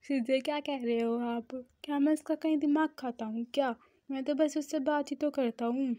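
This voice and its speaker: A woman's voice: high voice, steady tone, normal speed, warm tone, dry recording, studio quality, lightly acted. A woman reading an eager young student boy. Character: cheerful young male student, playful and whiny.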